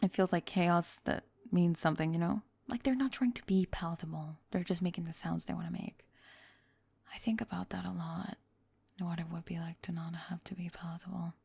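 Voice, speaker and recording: Voicing a young female pop star, a woman speaks fairly quickly and steadily in a close, dry, echo-free recording, her lowish voice carrying a crackly fry. The mood is reflective as she opens up on a one-sided ASMR date, hesitant and a bit worn by fame but kind and playful, often sinking to a murmur.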